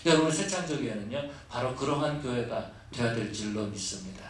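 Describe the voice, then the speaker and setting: A man's voice: mid-range voice, expressive, a little fast, slight background noise. A man preaching a sermon as pastor, breaking from plain storytelling into fervent, prayer-like appeals. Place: church sanctuary. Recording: echoey church hall from far off.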